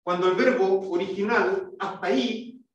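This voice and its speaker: In a school classroom, a male English teacher explains a lesson step by step, quizzing students and demonstrating sounds. His voice sits high at a moderate pace, and the lo-fi recording is echoey, with the mic placed far away.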